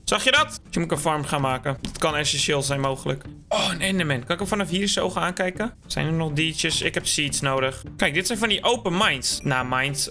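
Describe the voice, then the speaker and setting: A man giving excitable, joking let's play commentary, mocking himself and yelping now and then. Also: fairly high pitch. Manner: excitable, joking, self-mocking, sudden yelps. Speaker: gaming YouTuber.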